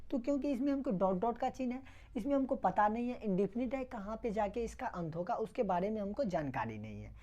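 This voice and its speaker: Woman teacher, soft warm voice, keeps asking and answering her own questions. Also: medium pitch, highs cut off. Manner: repeats questions and answers them herself, step by step. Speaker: math teacher. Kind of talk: classroom lecture.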